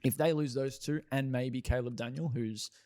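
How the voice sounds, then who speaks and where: A man co-hosting a sports news show, talking fast against a timer with frequent restarts. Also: mid-range voice, fairly even intonation, warm tone. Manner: rapid, rushing against a timer, many restarts. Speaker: co-host, AFL news presenter. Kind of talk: fast-paced sports chat.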